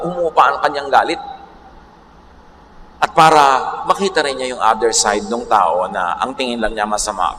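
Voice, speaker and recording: Man preaching, bright forceful voice, long hall reverb, faint noise. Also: a little high. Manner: switches between Tagalog and English, reads scripture slowly. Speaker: pastor. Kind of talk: sermon.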